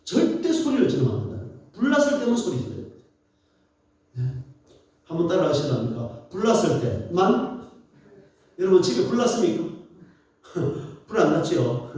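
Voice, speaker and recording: A man preaching a sermon as pastor, telling playful stories in an animated way. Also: high-pitched, normal speed. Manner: animated, playful storytelling with laughs. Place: church. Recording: echoey church hall, mic at a distance.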